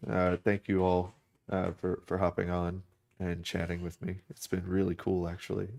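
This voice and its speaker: A man's voice: deep voice, monotone, moderate pace, creaky, darkish tone. A man from the United States chatting casually on a drawing live stream, rambling with many fillers and restarts.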